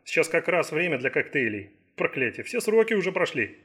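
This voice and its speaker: A man's voice: fairly high pitch, very animated, a little fast, sharp tone, slightly rough, full character voice. A man voicing an irritable, stubborn male criminalist in an audiobook thriller. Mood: demanding. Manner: snapping, pleading.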